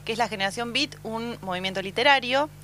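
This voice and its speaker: A woman's voice: on the high side, quick pace, bright, forceful tone, slight background noise. A woman with an Argentine accent hosting a casual literary radio show, chatty and enthusiastic, repeating words for emphasis.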